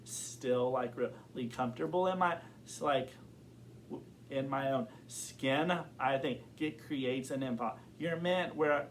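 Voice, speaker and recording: Speaking slowly in a mid-range voice, a young man with a stutter responds thoughtfully and openly in a casual interview, his answers full of fillers and repeated words. There's a little hiss or hum on the recording.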